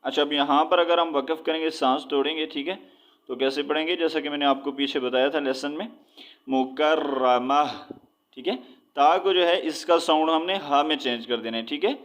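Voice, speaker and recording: A man teaching Quran reading, spelling out letters and drawing words out slowly between explanations. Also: fairly high pitch, fairly bright tone. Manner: drawn-out recitation of words, explaining with repeated checks. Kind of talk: slow spelled-out recitation lesson.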